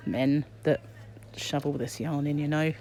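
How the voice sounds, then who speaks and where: Muffled by a face mask, a middle-aged British woman's low, dark voice runs a little slow with fairly even intonation as she muses aloud in a shop aisle. She's a crochet vlogger giving casual, chatty shopping commentary, filmed on a handheld phone behind the camera amid background noise and shop ambience.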